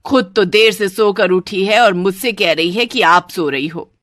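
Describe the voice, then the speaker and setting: Cartoon mother-in-law, bossy and scolding, played by a woman, low and loud. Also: measured pace, dry recording, clean studio sound. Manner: scolding, shouting at her family.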